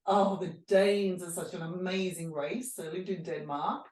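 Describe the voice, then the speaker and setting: A woman hosts a mental health chat show, interviewing her guest conversationally in an effusive, complimentary way. Her voice is lowish, steady, and a little mellow, at a moderate pace. She sounds distant from the mic in a roomy, echoing space.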